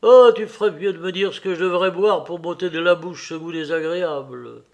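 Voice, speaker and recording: A man's voice: high-pitched, brisk. A man reading aloud voices a young officer just woken from sleep, irritable and whiny. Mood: grumpy.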